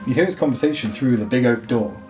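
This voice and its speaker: A man's voice: mid-range voice, quick pace, a little mellow, distant mic, soft background music. A man narrating a tabletop game as game master, chatty and describing scenes in loose lists.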